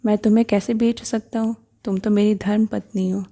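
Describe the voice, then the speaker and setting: A woman's voice: mid-range voice, little pitch movement, fairly quick, mellow, close to an everyday voice. A woman voicing a drunken, greedy, abusive husband in a read-aloud story, coaxing and then harsh.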